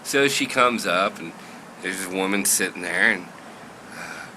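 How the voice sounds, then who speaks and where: A man's voice: deep voice, normal speed, noisy background. A man in a casual daily vlog, talking in a chatty, self-deprecating way with frequent laughs, at home in his kitchen. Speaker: vlogger.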